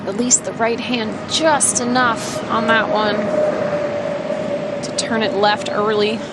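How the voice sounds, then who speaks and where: A woman's voice: a little high, steady tone, slow. A woman giving conversational, technical analysis as a golf commentator. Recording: very noisy outdoor broadcast sound.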